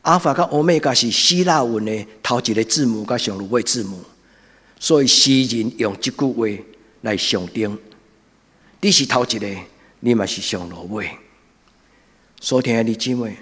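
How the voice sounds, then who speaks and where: In a big reverberant church hall, a male pastor with a Taiwanese Hokkien accent delivers a sermon. His mid-pitched voice moves in short, deliberate phrases with preacherly emphasis, each one trailing a long echo. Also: breathy edge.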